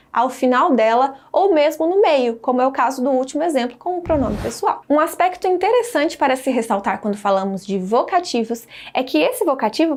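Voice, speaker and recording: Brief: woman teacher, high voice, clear didactic delivery, scripted online lesson. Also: a little mellow. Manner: clear, didactic, stresses example sentences.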